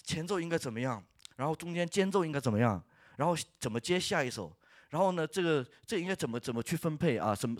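A man of middle pitch gives an earnest church testimony, halting and restarting as he tells his story with bursts of laughter. The sound is dry and close, with no room echo. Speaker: worship leader giving testimony.

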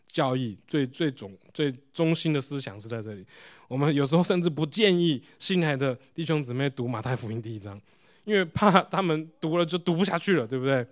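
A man's voice: mid-range voice, lively intonation, fairly quick. A male preacher giving a sermon, explaining pictures and often asking the congregation rhetorical questions. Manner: explains while showing photos.

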